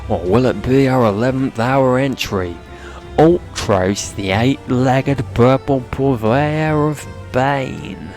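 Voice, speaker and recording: Man as a slow, bombastic old arena announcer. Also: medium pitch, darkish tone, soft background music. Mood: mocking hype. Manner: grandiose, theatrical showman. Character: bombastic old male arena announcer, gleefully promoting bloodsport. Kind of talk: video game dialogue read aloud.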